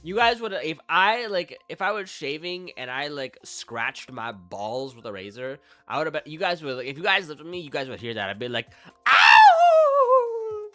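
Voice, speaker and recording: A woman's voice: low-pitched, expressive, moderate pace, hardly any pauses, pushed and bright, faint music behind. A woman streamer chatting casually with her viewers, crude and joking, laughing often and replying to chat.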